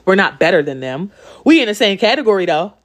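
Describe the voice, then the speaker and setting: A woman's voice: mid-range voice, big pitch swings, fast. A woman from West Baltimore with a Baltimore accent, hosting a casual question-and-answer vlog in a blunt, profane, streetwise way. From Baltimore, West Side. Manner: chatty, loops back with "okay?" and "you know what I'm saying". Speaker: host answering viewer questions.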